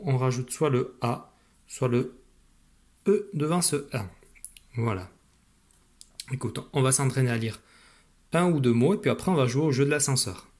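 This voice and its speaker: A man teaching a phonics lesson to a young child, patient and encouraging, speaking straight to the learner. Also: medium pitch.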